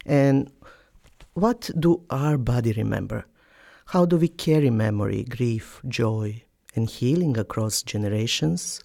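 A woman hosts a radio interview from the studio in non-native English. She leans on fillers and restarts, laughs readily between phrases, and circles slowly toward each question. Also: very deep voice, vocal fry, mellow. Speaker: radio show host.

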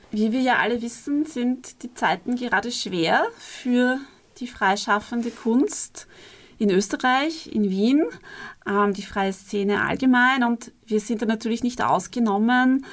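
A woman's voice: fairly high pitch, takes it slowly. A middle-aged woman dancer, answering interview questions fluently. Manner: fluent and articulate. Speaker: dancer and theatre co-founder.

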